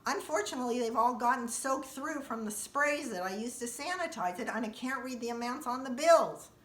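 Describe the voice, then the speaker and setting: A woman telling a comic monologue about her daily life, acting out quoted lines in a sudden high, loud voice. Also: animated, a little fast, far from the mic. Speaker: comedian. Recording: echoey room.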